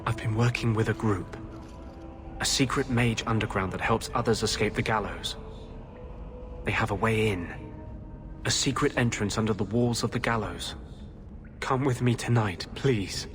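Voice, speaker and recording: A man's voice: on the low side, normal speed, pauses often, music in the background, lightly acted. Man as an earnest, brooding rebel mage. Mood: urgent earnest. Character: earnest, troubled rebel mage, intense and idealistic. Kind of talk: video game voice acting.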